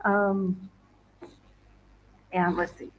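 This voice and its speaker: A travel vlogger, a woman with a mid-range voice, chats casually with viewers during a livestream from her home in northern Ghana. Her tone stays level and she draws out her words, rambling with lots of fillers and restarts. The recording is rough, with slight background noise.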